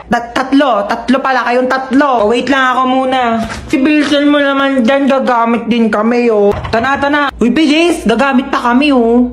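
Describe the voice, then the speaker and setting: High-voiced woman in comic family skits. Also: steady tone, noisy background. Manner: quick shifts between playful family characters. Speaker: sketch performer playing mother and children. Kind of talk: comedic TikTok skits with phone ad. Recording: music playing under the voice.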